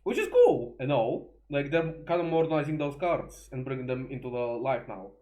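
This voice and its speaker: A man's voice: mid-range voice, very animated, normal speed, dark tone. A man casually chatting through a reaction video, swearing freely and laughing as he goes.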